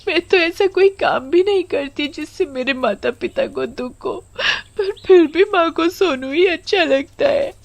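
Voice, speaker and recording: Cartoon storybook: a timid, tearful little girl, voiced by a woman, high and soft. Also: steady tone, normal speed, dry recording. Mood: sad. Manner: tearful, pleading.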